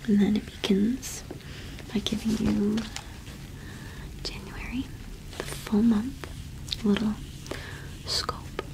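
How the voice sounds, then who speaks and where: A young adult woman, medium-pitched and level in tone, whispers breathily and softly close to the microphone on a low-quality recording. She is roleplaying a cottage witch shopkeeper in gentle, halting ASMR style.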